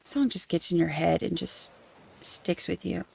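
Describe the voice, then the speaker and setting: A woman with a Southern Georgia accent hosts a casual livestream covering trials, speaking at a measured pace in a low-ish, gravelly, husky and slightly mellow voice. She rambles and pokes fun at herself as she talks to her viewers.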